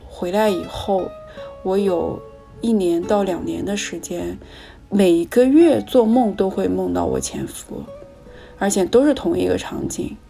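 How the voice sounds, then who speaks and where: A woman's voice: medium pitch, big pitch swings, measured pace, gravelly, warm tone, faint music behind. A woman telling her own personal story in a reflective, candid and emotional way.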